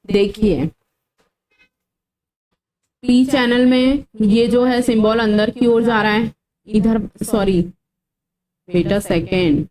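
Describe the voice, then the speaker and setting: Female online tutor, somewhat high voice, patient explainer who drills formulas. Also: fairly even intonation, very slow, long pauses, darkish tone, rough recording. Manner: explanatory, drills formulas to memorize, mixes English terms; scolding students about comments. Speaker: exam-prep engineering teacher. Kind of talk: online lecture.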